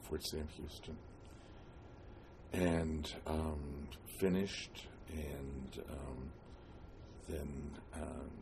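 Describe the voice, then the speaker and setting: An elderly American man from New Jersey reminisces about his life in an interview, halting often with long pauses and hesitations. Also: a bass voice, level tone, vocal fry, background noise. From New Jersey, United States. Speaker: oral history interviewee. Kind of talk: reminiscing, telling life story.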